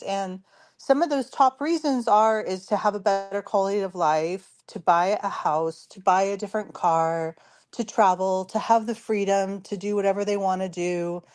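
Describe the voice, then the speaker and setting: A woman hosting a casual radio talk show in a chatty, informal, giggly way, her voice hoarse and worn from too much talking. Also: medium pitch, darkish tone.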